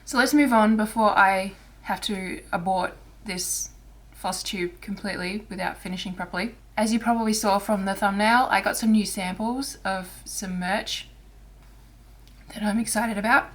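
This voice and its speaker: This woman runs a cross-stitch vlog and speaks at a medium pitch in relaxed conversation. She sounds raspy and hoarse from an irritated throat, keeping her voice low and often breaking off to begin again.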